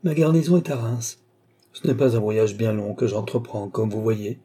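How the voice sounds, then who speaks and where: A man voicing a young army officer who speaks gently and with concern to his sister. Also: on the low side, steady tone, moderate pace, husky.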